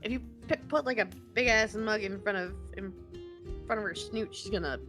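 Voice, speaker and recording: A woman's voice: mid-range voice, moderate pace. A woman chatting casually and playfully, with slang, as a player in a tabletop game. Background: background music.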